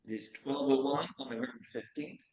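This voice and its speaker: A man's voice: mid-range voice, fairly even intonation, muffled recording, a loud crowd. A man chairing a committee meeting as judge, opening it formally over a video call, his voice echoey and distant as if in a big hall far from the mic. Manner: measured, formal procedural delivery. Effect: echoey, distant-sounding audio, as if from a big hall far off. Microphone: video call, sitting back from the computer mic.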